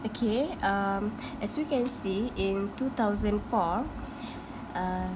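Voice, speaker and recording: A young woman, a university student, giving a class presentation on a graph, halting and restarting as she explains. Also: mid-range voice. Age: young adult. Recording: noisy phone recording with hum.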